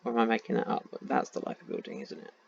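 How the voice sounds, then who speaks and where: A man's voice: fairly low pitch, very fast, creaky, husky. A man with a tired voice, thinking aloud in casual commentary while playing a map game. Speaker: game streamer. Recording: dull lo-fi sound.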